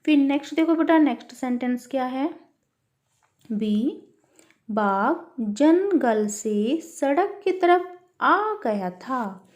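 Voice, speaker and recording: A primary school teacher with a high, expressive, slightly mellow voice takes her time guiding young children through a worksheet. She spells out words syllable by syllable and calls her listeners "beta."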